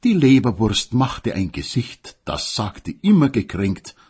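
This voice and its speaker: A man's voice: on the low side, very animated, a little slow, a little mellow, breathy edge. A man reading a humorous tale in an ironic, dramatic way. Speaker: storyteller.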